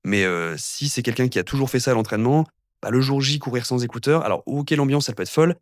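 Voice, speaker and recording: A man's voice: medium pitch, fast talker, dry recording, clean studio sound. A young man, a guest physiotherapist, chatting casually on a podcast and rambling with lots of fillers and restarts. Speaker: guest, physiotherapist and amateur triathlete.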